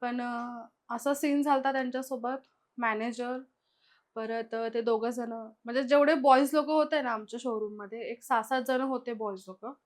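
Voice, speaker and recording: This is casual spoken storytelling from a young woman guest whose voice is on the high side, steady, and moderately paced. She shares her own experiences chattily, acting out lots of quoted lines from the people in them.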